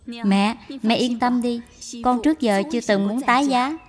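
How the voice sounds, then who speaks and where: A woman voicing a gentle, humble young widowed daughter-in-law in a dubbed period drama. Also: a little high, normal speed, lightly acted. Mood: pleading. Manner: pleading, soft and humble. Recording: with music behind.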